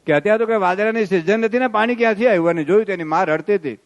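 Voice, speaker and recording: A man delivers a devotional sermon, moving between parables and sung verses. His voice sits high and sounds smooth and resonant, and he preaches with a storyteller's pull. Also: rapid-fire. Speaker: swami giving a religious discourse.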